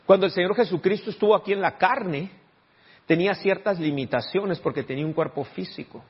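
Pastor guy preaching, kinda high voice, keeps asking the crowd "how many understand", muffled recording. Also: fairly quick, husky. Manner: keeps asking the congregation rhetorical questions. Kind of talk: sermon.

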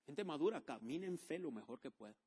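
A male pastor, preaching a sermon with lively call-and-response to the congregation. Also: a little high, quick pace, husky.

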